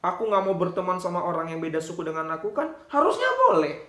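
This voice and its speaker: A man's voice: high voice, very animated, quick pace, fairly bright tone, echoey room. A man voicing a stubborn young child who whines and protests insistently. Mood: defiant. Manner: whining, insistent, rising protests.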